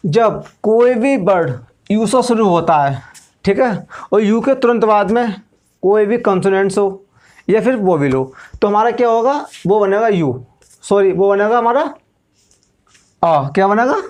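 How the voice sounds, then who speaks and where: A man's voice: sits high, lively intonation, a little slow, long pauses, darkish tone. A male English teacher, giving a classroom lesson and explaining step by step, asking questions and then answering them himself.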